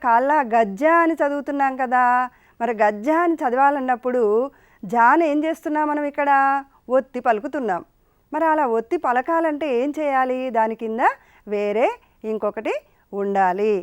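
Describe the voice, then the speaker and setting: A woman's voice: high voice, smooth, no echo. A woman teaching a school lesson to children. She asks the pupils questions, coaxing them patiently through each point. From India.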